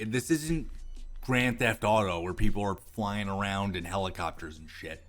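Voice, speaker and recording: Slightly low yet a bit bright, this American commentator's voice carries opinionated takes as he reads aloud. His reactions drip with sarcasm, scorn and profanity.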